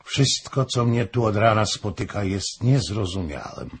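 A man's voice: fairly low pitch, lively intonation, measured pace, a little hiss or hum. A man reading an audiobook, voicing a proud young woman who answers firmly and with indignation. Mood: indignant.

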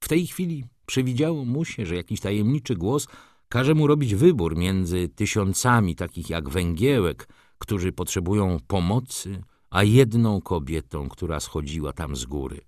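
Deep-voiced man reading a novel aloud. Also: moderate pace, no echo, clean studio sound. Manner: expressive literary reading. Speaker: audiobook narrator. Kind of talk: scripted narration.

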